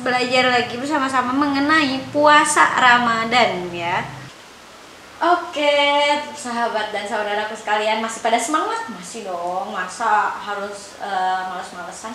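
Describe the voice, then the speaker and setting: Brief: female host, bright and lively, cheerful chat style, heavy room echo. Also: fairly high pitch, a little hiss or hum. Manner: upbeat, chiming in with short agreements. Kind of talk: casual talk show hosting. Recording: very echoey room, faint background.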